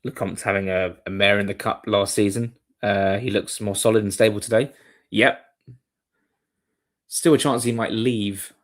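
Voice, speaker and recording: A man's voice: fairly low pitch, fairly even intonation, moderate pace. A man hosting a live football watchalong, giving chatty, rambling play-by-play with asides to his viewers. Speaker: watchalong host. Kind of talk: live match commentary and chat.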